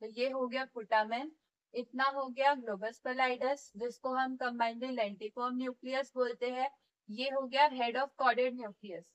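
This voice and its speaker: A woman's voice: high-pitched, fairly even intonation, slow, dull audio. A woman teaching physiotherapy in a step-by-step classroom lecture, often checking in with her students and demonstrating movements as she explains.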